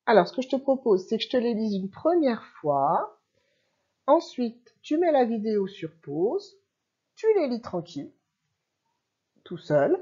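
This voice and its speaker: A woman teacher giving a remote reading lesson to young children, sounding out syllables slowly and clearly and encouraging the child. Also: mid-range voice, mellow, lo-fi sound. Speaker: primary school teacher.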